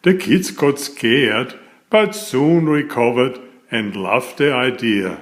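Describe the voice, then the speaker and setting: Reading aloud from a children's picture book, a man who wrote it tells the story slowly and expressively. His voice sits in the mid range.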